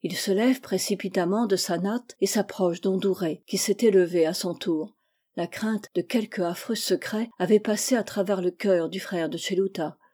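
A woman with a mid-range voice reads a classic novel aloud as an audiobook narrator, measured and expressive.

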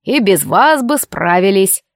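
A woman voicing a stern male police chief in an audiobook, slow and dismissive. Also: medium pitch, expressive, no echo, studio quality, natural voice. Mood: cold.

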